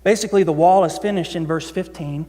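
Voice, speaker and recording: A man's voice: high-pitched, quick pace, warm tone, big-room sound. A man, the senior pastor, preaching a sermon in a church in a conversational way, often restarting his sentences. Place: church sanctuary.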